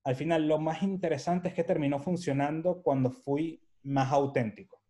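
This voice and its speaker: A man's voice: on the high side, normal speed. A man from Venezuela with a Venezuelan accent, a guest telling his story in a casual interview and acting out the dialogue in his anecdotes. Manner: animated storyteller who acts out quoted dialogue. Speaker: guest photographer.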